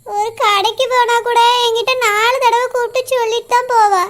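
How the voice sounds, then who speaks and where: A woman voicing a middle-aged village mother in a cartoon, crying and pleading over her missing daughter. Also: slight background noise. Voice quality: high, bright cartoon voice. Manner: tearful, pleading.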